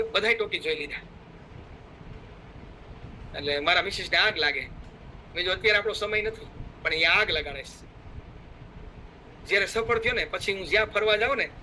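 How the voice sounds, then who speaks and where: A middle-aged man delivers a motivational talk with fervent, exhorting energy. His voice sits high and sounds very bright. Faint vehicle noise hums in the background. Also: poor audio. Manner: fervent, exhorting, acts out quoted friends. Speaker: motivational speaker.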